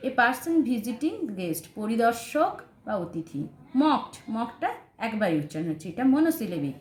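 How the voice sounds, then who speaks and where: A woman teaching an English textbook lesson with a Bengali accent, reading English sentences slowly and then translating them. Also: fairly high pitch, big pitch swings, darkish tone. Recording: roomy echo, faint background noise.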